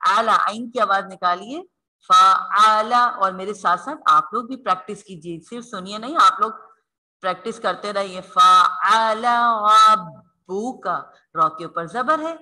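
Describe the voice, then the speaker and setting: A woman's voice: mid-range voice, lively intonation, moderate pace, pushed and bright. A woman teaching a recitation lesson online, explaining each rule patiently and addressing her students fondly as children. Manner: patient, explains step by step, calls students "beta".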